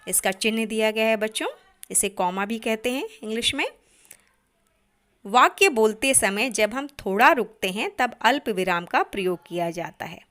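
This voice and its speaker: An Indian woman teaching an online grammar lesson to children, speaking deliberately and often addressing the class. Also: medium pitch, fairly bright tone.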